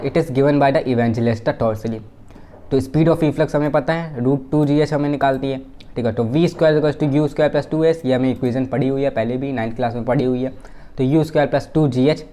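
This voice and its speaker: Mellow-voiced man teaching physics. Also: medium pitch. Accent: Indian English. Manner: explains step by step, asks questions then answers them. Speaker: physics tutor. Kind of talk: whiteboard physics lesson.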